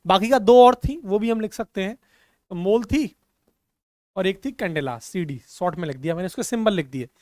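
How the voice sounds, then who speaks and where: At a normal speed, a man with a high, slightly mellow voice teaches physics at the board, mixing English terms into his Hindi. He keeps checking that the class understands, and he poses questions again before answering them himself. No room sound is audible.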